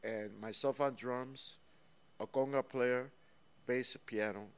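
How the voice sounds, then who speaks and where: A male guest musician speaking in a casual studio interview. He has a middle-pitched voice and tells his stories with lively energy, sometimes counting out rhythms aloud. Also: slow, clear, resonant tone. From United States. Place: small recording studio. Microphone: studio microphone.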